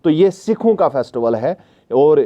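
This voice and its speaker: A man from Kashmir, teaching a revision lesson, often checking if students follow and reading English questions out slowly. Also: on the high side, sing-song, dark tone, dull audio.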